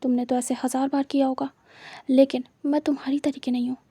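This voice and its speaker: A woman's voice: high voice, little pitch movement, fairly quick, dark tone, slightly rough, dry recording. A woman voicing a stern, proud young man held captive, who answers coldly and with scorn in a retold story. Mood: scornful. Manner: cold, scornful, refusing.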